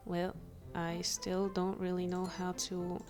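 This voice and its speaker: A woman's voice: fairly low pitch, monotone, slow, darkish tone, faint music behind. A woman giving casual gameplay commentary, muttering and questioning herself as she thinks aloud. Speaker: gamer.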